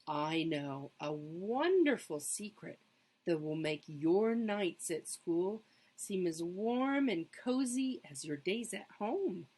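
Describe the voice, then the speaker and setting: A woman voicing a gentle, reassuring mother raccoon in a storybook, soothing and tender. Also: on the low side, lively intonation, takes it slowly, slightly rough, heavily acted.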